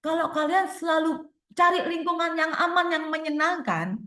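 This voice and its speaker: Her voice is very high-pitched, bright and forceful, moving at a normal speed. As a workshop speaker in a webinar Q&A advice session, she answers questions from the audience using everyday examples and rhetorical questions, all captured in an echoey room.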